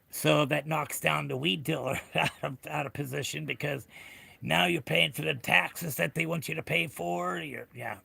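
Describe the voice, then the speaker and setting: A middle-aged American man with a raspy, gravelly whiskey voice, chatting casually and bluntly with livestream viewers in a rambling way. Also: on the high side, bright, forceful tone. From United States. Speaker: livestream host.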